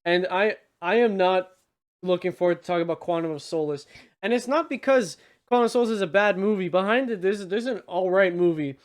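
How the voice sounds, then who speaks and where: A man with a notably high voice hosts a casual movie podcast. He sounds tipsy and talks in emphatic, excitable banter, swearing freely as he goes. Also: brisk. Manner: tipsy, from drinking on the show. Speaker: podcast host.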